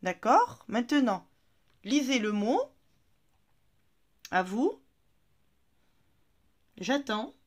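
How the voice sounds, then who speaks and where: A woman's voice: fairly high pitch, sing-song, extremely slow, long pauses. A woman teaching an Arabic reading lesson to French-speaking learners, patient and encouraging, stretching out syllables for the learners to repeat.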